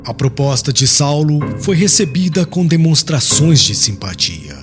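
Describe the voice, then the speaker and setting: With music behind him, a man with a Brazilian accent narrates a literary audiobook in a formal, dramatic storytelling style. His voice runs on the high side, very animated, at a measured pace.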